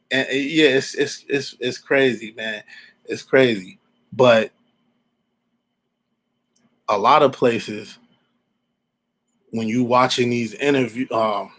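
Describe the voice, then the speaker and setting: A man in his forties from Alabama hosts a podcast, rambling casually through his opinions with informal slang and repetition. His voice is mid-range, and the audio quality is poor.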